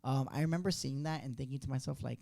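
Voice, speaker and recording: A man in his late twenties rattles off rambling, profane stories in a quick, gravelly, mellow voice. He co-hosts a casual chat podcast and is recorded in a dry space. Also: medium pitch, dry recording. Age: late 20s. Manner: rambling, profane, slangy storytelling. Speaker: podcast co-host.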